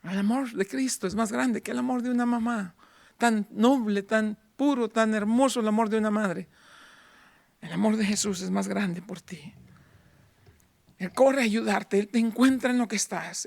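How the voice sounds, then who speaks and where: A man in his fifties preaching a sermon in church, moving between fervent raised passages and hushed near-whispers. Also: high-pitched, moderate pace, creaky, no echo. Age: 50s. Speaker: pastor.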